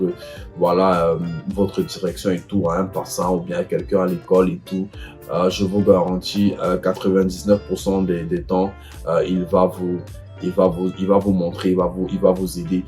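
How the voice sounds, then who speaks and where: A man's voice: deep voice, a little mellow. A young man giving casual advice to students, talking hesitantly with many fillers and restarts.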